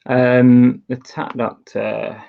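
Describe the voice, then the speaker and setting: A man's voice: mid-range voice, flat delivery, drawn-out words, creaky. A man from England co-hosting a casual live stream, chatty and teasing with many ums. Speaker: co-host. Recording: dull lo-fi stream audio.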